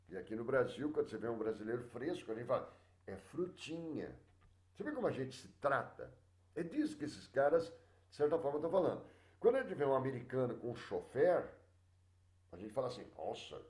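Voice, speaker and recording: A middle-aged man with a Brazilian Portuguese accent teaching a sociology class live, chatting with his students and filling pauses with many hesitations. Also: medium pitch, darkish tone, reverberant. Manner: chatty, addresses students directly, many fillers and restarts.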